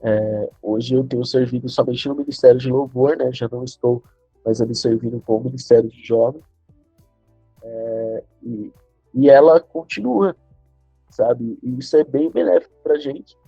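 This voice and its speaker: A man with a Brazilian Portuguese accent, a podcast guest speaking in a measured, reflective way. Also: mid-range voice, steady tone, warm tone, slightly rough, no room sound, faint music behind. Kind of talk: casual podcast chat. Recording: dull lo-fi sound.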